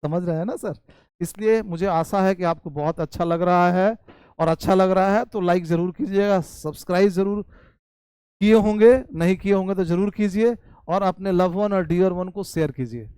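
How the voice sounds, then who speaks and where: A man teaching spoken English in Hindi with an Indian English accent, reading English sentences slowly and explaining them quickly. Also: sits high, clear, resonant tone, no echo. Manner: addresses viewers warmly as "bhai" and "babu".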